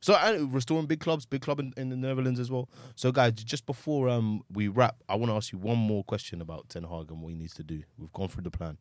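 A man's voice: medium pitch, fast talker, hardly any pauses, no room sound. A man with an urban London accent and matey, slangy delivery, hosting casual football podcast banter. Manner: slangy, matey street talk. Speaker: podcast host.

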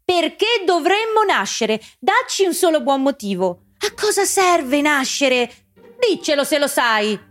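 A woman's voice: sits high, very animated, measured pace, fairly bright tone, faint music behind, heavily acted. A woman voicing a patient unborn girl in a children's fairy-tale audio play. She coaxes the boy and relays what an unseen voice says. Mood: coaxing, quarrelsome.

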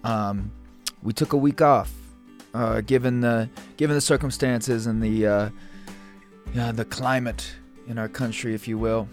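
A man hosting a podcast, talking in a relaxed, loose way with many fillers and restarts. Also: mid-range voice, measured pace, soft background music. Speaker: podcast host. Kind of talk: casual podcast chat.

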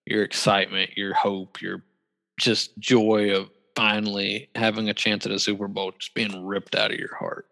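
A man talks sports in a tense, bright voice with gravelly fry, pitched a little low. He is emphatic and blunt, swearing and exaggerating freely. A long roomy echo trails his words. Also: little pitch movement, moderate pace. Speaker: podcast co-host. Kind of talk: casual sports chat.

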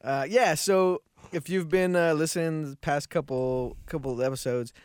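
A man's voice: fairly high pitch, moderate pace, a little mellow, clear, resonant tone, no echo, clean studio sound. A man co-hosting a podcast in casual chat, laid-back and often trailing off to restart his sentences. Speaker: podcast co-host.

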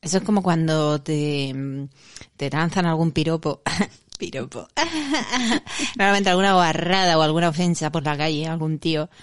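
Animated woman chatting on a podcast. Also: low voice, dry recording, clean studio sound. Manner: animated, halting, repeats words. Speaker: podcast co-host. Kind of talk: casual chat.

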